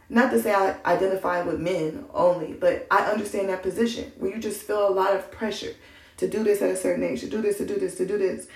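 A woman's voice: medium pitch, gravelly, roomy sound, recorded from a distance. A young adult woman hosting a podcast, musing in a rambling way and often restarting her sentences. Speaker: podcast host. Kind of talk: casual monologue.

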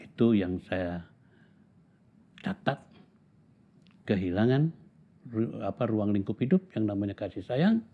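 Husky older man reminiscing, tinny sound. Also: fairly low pitch, animated. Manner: unhurried, repeats words for emphasis, with pauses. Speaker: interviewee. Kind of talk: reflective storytelling in conversation.

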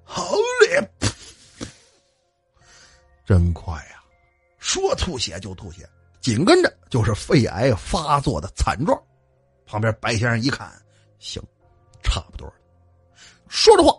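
Male storyteller, husky, very lively pitch, colloquial and joking, dry close sound. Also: measured pace, long pauses, no room sound, faint music behind. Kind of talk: spoken ghost story with asides.

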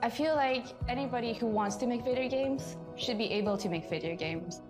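A woman's voice: on the high side, a little fast, music in the background. A woman from Malaysia who designs video games, speaking earnestly and reflectively in a documentary interview.

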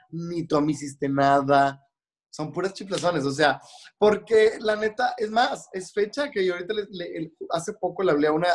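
A man with a Mexican Spanish accent talks in a fairly high voice. He tells stories as a hair and makeup stylist in loose, chatty podcast style. He slips into the voices of the people in his stories as he goes. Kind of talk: casual podcast storytelling.

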